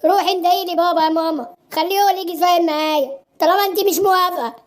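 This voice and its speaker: A woman's voice: extremely high pitch, fairly even intonation, racing. A woman voicing a stubborn young man in a cartoon, pleading and insisting with an Egyptian Arabic accent. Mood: insistent.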